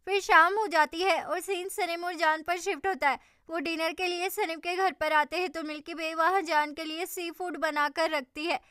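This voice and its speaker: Woman narrator, drama recap, steady storytelling, very high voice, bright tone. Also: moderate pace, hardly any pauses, no room sound, clean studio sound.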